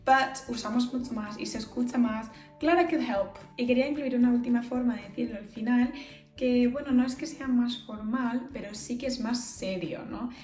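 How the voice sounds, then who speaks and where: A woman's voice: a little high, fairly even intonation, moderate pace, a little mellow, echoey room, faint music behind. A woman from England with an English accent, patiently explaining phrases in a bilingual language lesson. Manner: explains patiently, switching between English and Spanish. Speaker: English teacher.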